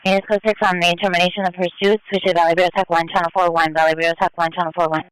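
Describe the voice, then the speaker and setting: A police dispatcher giving clipped, procedural announcements over a scanner radio, repeating details in a flat, formulaic way. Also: mid-range voice, racing, smooth, dry recording, low-quality recording.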